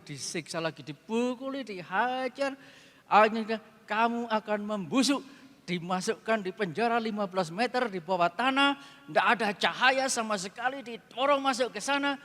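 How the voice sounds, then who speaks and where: High-voiced pastor preaching in a reverberant hall. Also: male voice. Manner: dramatic retelling, often dropping to a hushed low voice; heavy repetition for emphasis. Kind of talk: sermon with dramatic storytelling. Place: large retreat hall.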